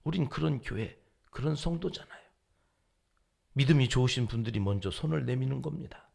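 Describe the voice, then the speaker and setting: A male pastor giving an early-morning sermon, dramatic, dropping to hushed whispers and rising to loud emphasis. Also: medium pitch, fairly quick, vocal fry. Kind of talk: dawn service sermon.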